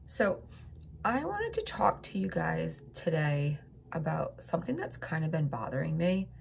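A woman's voice: low voice, big pitch swings, measured pace, creaky, slight background noise. A woman hosting her own vlog, chatting casually to her viewers with a stuffy, sniffly nose, upbeat and rambling. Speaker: vlog host. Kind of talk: casual chat to camera.

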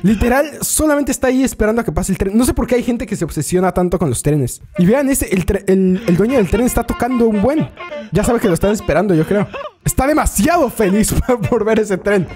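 Mexican man, casual reaction commentary, very lively pitch, quick exclamations, frequent laughs, desk mic. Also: soft background music. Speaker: YouTuber reacting to clips. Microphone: desk microphone.

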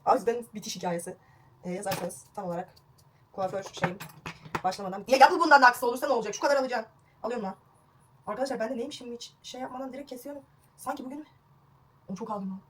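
A woman's voice: on the high side, very fast, long pauses, fairly bright tone, a little hiss or hum. A young woman vlogging a home haircut, chatty and self-mocking, recorded on a phone at home. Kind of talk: casual home haircut vlog. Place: at home indoors.

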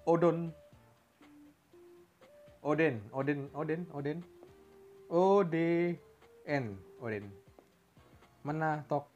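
A man's voice: a little high, slow, long pauses, a little mellow, dull audio, faint music behind. A man from Indonesia doing playful let's-play game commentary, making engine noises and mixing in English words. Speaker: gamer.

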